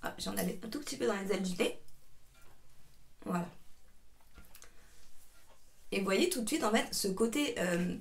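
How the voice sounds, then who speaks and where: A young woman vlogs a make-up tutorial from a spare room at her grandmother's house. She talks in a relaxed, chatty way and keeps apologizing. Her speech is full of hesitant fillers and restarts. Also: mid-range voice, normal speed, gravelly, pauses often. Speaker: beauty vlogger. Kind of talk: casual make-up tutorial chat.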